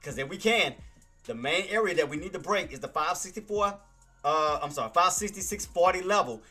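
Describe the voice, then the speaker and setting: A man's voice: sits high, expressive, brisk, sharp tone, soft background music. A man hosting a live stock trading stream, giving casual market commentary, laughing often and talking to viewers by name. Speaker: stock trading livestream host.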